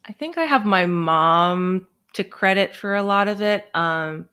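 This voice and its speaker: A guest puppeteer and storyteller, a woman from Hong Kong who was born in the US, chats casually in an interview, hesitant and self-effacing as she thinks aloud. Her mid-range voice is bright, forceful and clean, and she speaks a little slowly.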